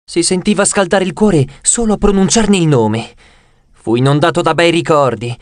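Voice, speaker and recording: A man narrating an audiobook in an expressive storytelling manner, giving the characters' dialogue its own touch. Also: fairly high pitch, moderate pace, dry recording, studio quality. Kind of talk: scripted narration.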